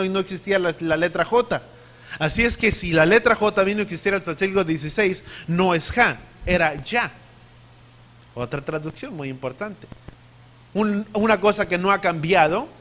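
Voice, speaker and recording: In a high, emphatic voice with a fairly bright tone, a male preacher delivers his sermon. He teaches the congregation, questions them, and spells out words letter by letter.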